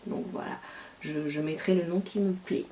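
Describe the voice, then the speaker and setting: A woman's voice: lowish voice, steady tone, moderate pace, warm tone. A woman from Niger with a light Nigerien French accent, chatting casually as a YouTuber at home and answering questions with frequent filler phrases. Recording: distant mic with faint hiss.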